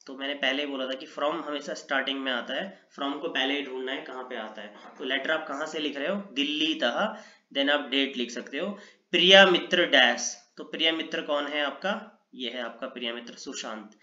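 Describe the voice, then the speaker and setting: A man's voice: medium pitch, fairly even intonation, brisk, sharp tone. A man teaching an online lesson, explaining with energy and mixing English words into his explanations. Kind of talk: online Sanskrit lesson in Hindi. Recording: echoey room, dull lo-fi sound.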